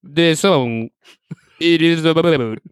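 Rosie, a man doing a slow robot maid. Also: a little high, clean tone, dry recording, clean studio sound. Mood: deadpan robotic. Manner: slow, halting robot delivery with muffled enunciation. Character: stiff female robot maid, boastful. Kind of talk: improvised comedy bit.

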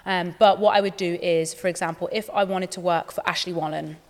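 Lower-voiced British woman giving direct advice. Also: steady tone, fairly quick. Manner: direct, explanatory, poses questions and answers them. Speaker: panel guest, dance industry mentor. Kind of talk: casual advice at a live Q&A. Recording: reverberant hall.

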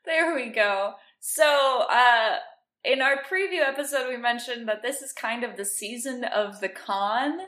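A woman's voice: a little high, unhurried, bright, forceful tone. Chatty woman podcast host, roomy sound. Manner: chatty, laughs often, explains facts. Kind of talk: casual chat. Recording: roomy echo.

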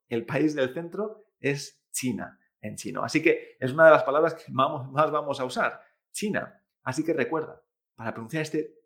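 Guy teaching mandarin sounds, slightly high voice, says the syllables out loud and drawn out. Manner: demonstrates sounds loudly, stretches syllables. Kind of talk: explaining pronunciation to learners.

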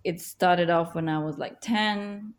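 This woman, in her thirties, is a native speaker of both Russian and Ukrainian and appears as a guest, an author and business leader. Her fairly low voice carries slow, emphatic stresses as she answers interview questions in an earnest, encouraging way.

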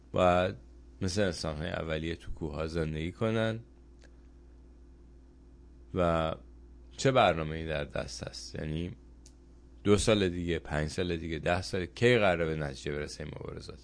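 A man's voice: low voice, creaky, long pauses. A man hosting his own program, delivering a political commentary monologue and addressing viewers directly with pointed rhetorical questions.

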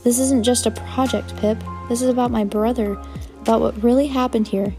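A woman's voice: a little high, fairly even intonation, normal speed, mellow, faint music behind, natural voice. A woman reading a pleading, hurt young man. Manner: pleading, voice rising. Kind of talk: audiobook narration.

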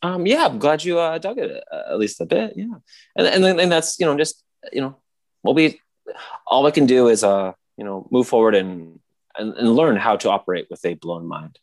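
A man's voice: medium pitch, big pitch swings, moderate pace. A man co-hosting a podcast in a joking, teasing casual chat. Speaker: podcast co-host.

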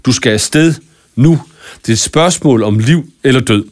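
A man's voice: medium pitch, voice pushed up, close to an everyday voice. A man voicing a brave young girl who insists and urges in a raised voice. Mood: urgent. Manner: urgent, insistent.

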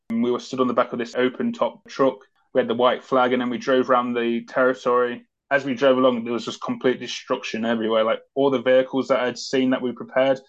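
A man, a former soldier, recounting events as an interview guest in a loose, conversational way with many fillers. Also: medium pitch. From Britain. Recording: dull lo-fi audio.

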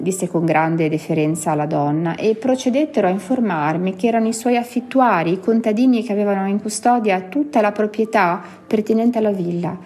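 A woman reads a classic tale aloud in a measured, expressive storytelling voice. Her pitch is mid-range. Soft music plays faintly underneath. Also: husky. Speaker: reader. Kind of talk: literary audiobook reading.

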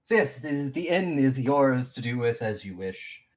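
A woman acting as game master of a tabletop game, narrating in a relaxed way, often laughing and restarting her sentences. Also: very deep voice, a little slow.

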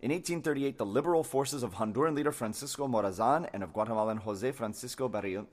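A man co-hosting a podcast, reading a wiki article aloud with steady delivery and joking asides, in a crowded hotel room. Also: medium pitch, quick pace. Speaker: podcast co-host. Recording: echoey room.

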